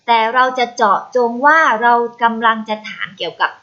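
Thai-accented woman, primary Chinese teacher, bright higher voice, patient and repetitive, lo-fi recording. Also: expressive. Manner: patient, repeats words slowly for pupils to copy. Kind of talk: recorded online lesson. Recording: slightly dull lo-fi recording.

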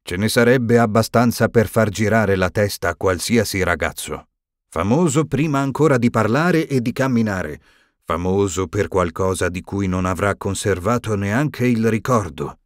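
A man voicing an old wise male wizard in an audiobook, speaking gravely and firmly. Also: fairly low pitch, animated, no room sound, clean studio sound, lightly acted. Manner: slow, grave and firm.

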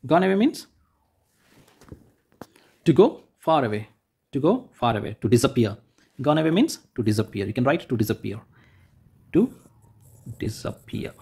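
Mellow, husky teacher. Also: male voice, mid-range voice, very animated. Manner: repeats each point slowly and rephrases it for children; points and demonstrates with "like this". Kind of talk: explaining a school textbook lesson.

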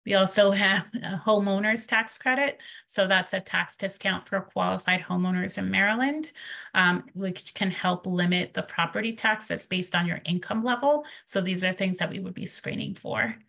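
A woman from a financial nonprofit presents a webinar over a video call, walking through programs one slide at a time and saying "um" often. Her mid-range voice is bright and forceful.

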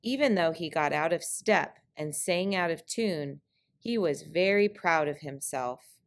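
A woman narrates a picture-book trickster tale. Her voice sits a little low, and she tells it very slowly, with deliberate, clear phrasing. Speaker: storyteller.

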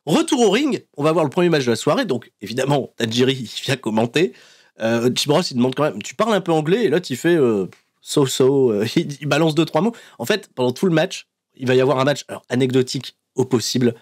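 A man hosting a podcast, recapping in a casual, animated storytelling way and laughing often between fillers. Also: mid-range voice, quick pace, husky. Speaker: podcast host recapping wrestling episodes.

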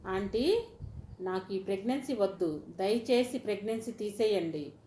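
A woman's voice: mid-range voice, animated, normal speed, dark tone, a little hiss or hum, close to an everyday voice. A woman voicing an anxious young wife. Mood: desperate. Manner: pleading, hesitant. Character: young newly married woman, anxious and tearful. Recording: roomy echoey recording.

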